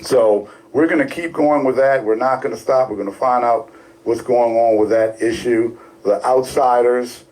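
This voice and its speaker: A man's voice: mid-range voice, fairly even intonation, moderate pace, darkish tone, poor audio. Rambling Baltimore man co-hosting radio talk. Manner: rambling, lots of fillers and restarts. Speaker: radio show co-host. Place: radio studio.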